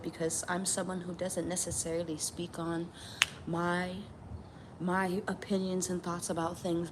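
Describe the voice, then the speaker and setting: A woman from New Mexico speaking out in a casual vlog, emphatic and repetitive, swearing now and then. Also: on the low side. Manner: emphatic, repeats lines, swears. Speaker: tarot channel vlogger. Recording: steady background ambience noise.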